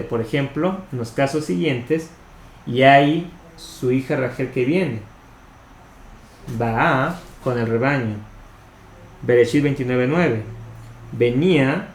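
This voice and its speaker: Man, mid pitch, measured explanatory reader of a study text, roomy echo. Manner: measured, explanatory, spells out Hebrew terms. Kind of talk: reading a commentary aloud. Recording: echoey room with faint noise.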